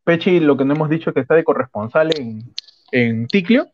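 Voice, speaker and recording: A man's voice: a little high, lively intonation, a little fast. A man hosting a casual comedic radio chat, joking and laughing often. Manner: joking, mock shouting, frequent laughter. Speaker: host. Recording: dull lo-fi sound.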